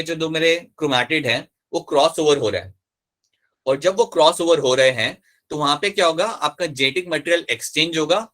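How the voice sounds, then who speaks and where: In a live online biology lecture, a man with a bright, forceful, fairly high voice walks his students through the material step by step. He repeats key terms, checks whether they're following, and switches freely between Hindi and English mid-sentence.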